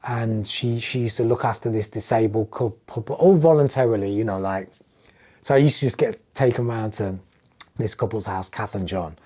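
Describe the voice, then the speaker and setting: A middle-aged English music producer, with an English accent, guests on a casual podcast and tells stories animatedly, acting out what people in them said. His voice is on the low side and breathy, at normal speed.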